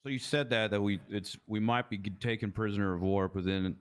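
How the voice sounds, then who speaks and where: A man playing an officer in a game role-play, asking halting, pointed questions at a briefing. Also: lowish voice, steady tone, smooth.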